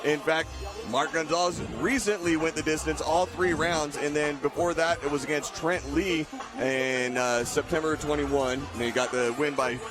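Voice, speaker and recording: A man's voice: on the high side, fairly even intonation, moderate pace. A man giving conversational, enthusiastic live commentary as a fight commentator. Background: music.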